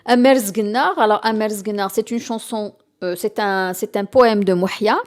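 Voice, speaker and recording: A woman's voice: mid-range voice, fairly even intonation, unhurried. A woman, an author being interviewed on the radio, who speaks hesitantly with many fillers and restarts. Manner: mixes in Algerian Arabic phrases. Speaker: guest author.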